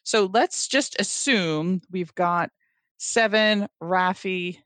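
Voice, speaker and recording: Lively, quick-talking podcast co-host. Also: medium pitch, no room sound. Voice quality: animated, quick, acts out quoted lines with laughter. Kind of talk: casual podcast discussion.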